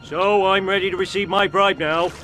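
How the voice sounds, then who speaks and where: A man's voice: sits high, fairly even intonation, normal speed, over music, close to an everyday voice, poor audio. Man voicing slick, corrupt Mayor Quimby. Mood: smug, lecherous. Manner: slick politician's delivery. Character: sleazy, corrupt, self-satisfied cartoon town mayor. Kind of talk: animated comedy game acting.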